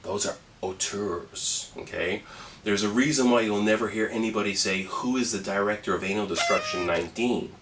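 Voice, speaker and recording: A man's voice: fairly low pitch, quick pace, hardly any pauses, fairly bright tone. A man co-hosting a casual comedy podcast about movies, talking in a mock-pompous, jokey way. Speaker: podcast co-host. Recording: roomy sound, a bit far from mic, faint noise.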